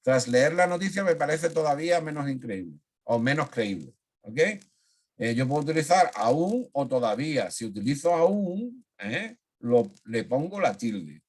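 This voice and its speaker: A man's voice: mid-range voice, animated, normal speed, husky. Guy teaching spelling rules over a video call, lots of eh's, keeps checking students follow. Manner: frequent "eh" fillers, checks in with "¿eh?". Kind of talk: online grammar lesson.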